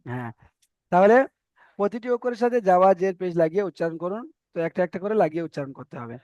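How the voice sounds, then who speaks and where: A man's voice: sits high, expressive, fast talker, mellow, no room sound, highs cut off. A man teaching Arabic letter reading in an online class, patiently repeating each point and checking that students follow.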